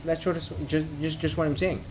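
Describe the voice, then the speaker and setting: Tipsy man rambling, higher-pitched voice. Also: flat delivery, darkish tone, slight background noise. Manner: drinking while ranting, tipsy rambling; halting, thinking aloud. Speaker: MMA commentator giving opinions. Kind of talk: casual off-the-cuff rant.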